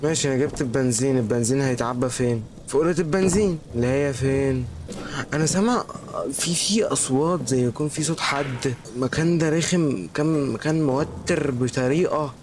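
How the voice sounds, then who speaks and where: A man's voice: mid-range voice, quick pace, noisy background. A man with an Egyptian Arabic accent giving let's play commentary, jittery and scared and talking to himself. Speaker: gaming YouTuber. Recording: voice over loud game ambience.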